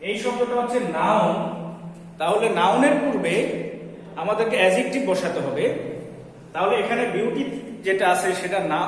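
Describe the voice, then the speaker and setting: A man with a Bangladeshi accent teaching English grammar to students, slowly spelling out letters and switching between Bengali and English. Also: high voice. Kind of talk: classroom grammar lesson. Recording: echoey hall, distant mic, faint noise.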